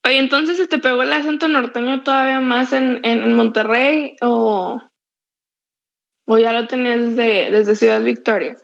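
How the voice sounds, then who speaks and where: A young woman from Mexico co-hosts a relaxed podcast chat, her naturally loud voice carrying a forceful punch. She sits a touch higher than most women. The recording sounds dull and slightly lo-fi. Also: normal speed, vocal fry. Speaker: podcast co-host.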